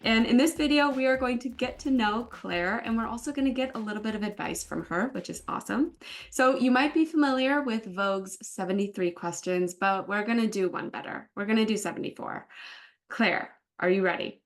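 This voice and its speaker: A woman hosting a casual interview over a video call, upbeat and enthusiastic, quick to praise her guest's answers. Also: a little high. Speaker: host for the company team.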